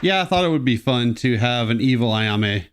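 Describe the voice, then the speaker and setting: A man's voice: medium pitch, expressive, moderate pace, smooth. A man giving casual, wry commentary as host of a video game let's play, with joking asides.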